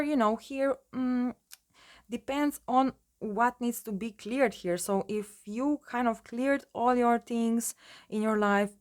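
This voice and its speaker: A woman's voice: medium pitch, darkish tone. A woman giving a casual tarot reading in her just-woken morning voice, rambling with many fillers and restarts. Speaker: tarot reader.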